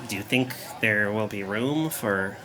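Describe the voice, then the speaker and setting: A man's voice: fairly low pitch, a little slow, natural voice. A man doing a kindly nobleman. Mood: concerned.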